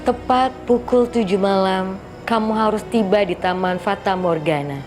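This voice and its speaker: A woman's voice: medium pitch, close to an everyday voice. A woman playing a stern spirit queen. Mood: commanding. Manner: slow, commanding. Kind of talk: TV drama acting. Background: music score.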